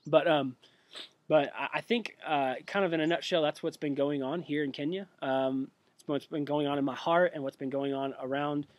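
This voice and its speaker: A young man who has been sick, giving an earnest, halting spoken update with many restarts. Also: fairly high pitch, fairly even intonation. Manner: earnest and prayerful. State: sick with a cough. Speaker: missionary giving a monthly update.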